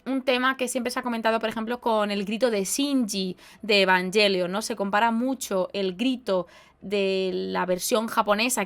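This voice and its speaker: A woman with a Spain Spanish accent hosting a casual live podcast, chatty and expressive as she reads out viewer comments. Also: fairly high pitch. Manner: chatty and expressive, with lively exclamations. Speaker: podcast host and streamer.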